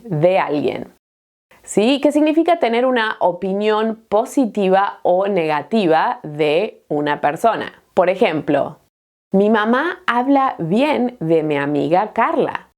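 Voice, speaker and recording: A woman from Latin America teaching a Spanish lesson, explaining slowly and often checking in with "¿no?". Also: mid-range voice, a little mellow. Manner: slow, clear teaching with frequent "¿no?" checks and laughs. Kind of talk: language lesson. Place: Australia.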